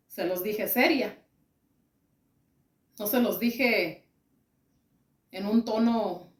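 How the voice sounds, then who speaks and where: Slow, high-voiced woman recounting a vision. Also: a little mellow, reverberant. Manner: slow, repetitive, pausing phrase by phrase.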